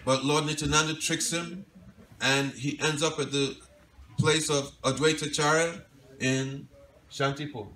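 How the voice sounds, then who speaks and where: A man, a monk giving a devotional lecture, tells a sacred story in a gentle storytelling style, dropping to a soft, quiet voice for quoted pleas. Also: fairly high pitch, fairly even intonation, measured pace. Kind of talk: storytelling sermon. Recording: roomy hall echo, mic at a distance, faint ambience.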